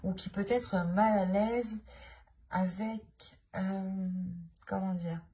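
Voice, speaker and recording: Her voice medium in pitch, slow and warm with fairly even intonation, a French-accented woman gives a tarot reading to camera. She hesitates a lot, using many fillers and restarting as she looks for her words.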